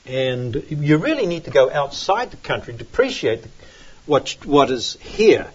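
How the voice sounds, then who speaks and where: New pastor guy chatting slow and rambly, husky voice, kinda dull lo-fi sound. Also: mid-range voice, sing-song. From New Zealand. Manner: rambling, hesitant, many fillers. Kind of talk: relaxed sermon chat and prayer. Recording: dull lo-fi recording.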